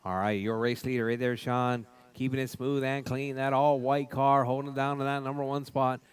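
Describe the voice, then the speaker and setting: A man's voice: mid-range voice, level tone, normal speed, clean tone. A man giving live race commentary like a spotter, in repetitive clipped calls of running order and cautions. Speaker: race announcer.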